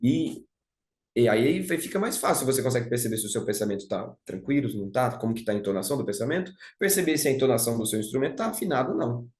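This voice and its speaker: A man's voice: medium pitch, lively intonation, fast, darkish tone. A young man with a Brazilian Portuguese accent giving a thoughtful spoken talk on music, often adding "né?" and restarting phrases. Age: young adult. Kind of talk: reflective spoken lecture. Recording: roomy echo.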